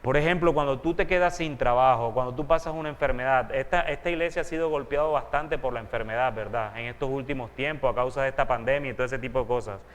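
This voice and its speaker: A man's voice: medium pitch, fast, hardly any pauses, long reverb tail. A man, a pastor, teaching a sermon earnestly and asking his listeners rhetorical questions.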